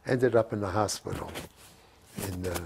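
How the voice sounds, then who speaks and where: Speaking at a normal pace in a deep, creaky, darkish voice, an eighty-something WWII veteran reminisces during an interview in his living room. He wanders from story to story, repeats himself, and quotes old dialogue; the lapel mic picks up a little hiss or hum.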